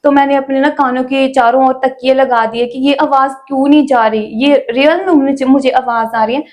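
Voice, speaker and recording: A young woman telling her personal faith testimony in a relaxed, chatty interview, with many small fillers. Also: high-pitched, normal speed. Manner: chatty storytelling with frequent "ना" fillers. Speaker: guest sharing her testimony.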